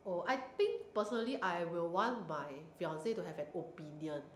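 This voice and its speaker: A woman's voice: on the low side, lively intonation, normal speed. Young woman, Singaporean accent, exclamatory casual Singlish with bits of Mandarin. Roomy sound, faint noise. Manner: colloquial Singlish with particles and Mandarin words; blunt, exclamatory. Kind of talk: casual chat. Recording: roomy echo, light background noise.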